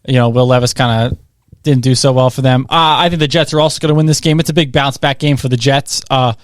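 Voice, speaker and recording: A young man co-hosting a casual sports podcast, excitable and rambling with lots of "like" and "I think". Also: medium pitch, quick pace, no room sound, clean studio sound. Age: young adult. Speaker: co-host.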